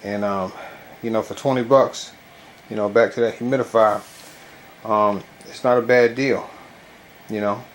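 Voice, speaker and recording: Speaking from his bedroom, a man with a lowish, steady voice rambles through a video review of a home product. He's colloquial and halting, full of verbal tics, with a stuffy nose that sounds packed with gauze, and the home recording is noisy with clear background sound.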